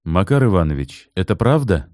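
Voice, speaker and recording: Narrator doing a strict ex cop, firm, kinda threatening, darkish tone. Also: male voice, low voice, sing-song, fairly quick, darkish tone, no echo, studio quality. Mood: stern. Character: stern former police officer, middle-aged man.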